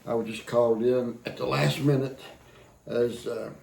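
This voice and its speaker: A man's voice: medium pitch, fairly even intonation, normal speed, vocal fry, darkish tone. An older man, telling childhood stories with dry, laid-back humor in a home vlog. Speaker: host's husband, guest. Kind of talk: casual home vlog chat. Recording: echoey room.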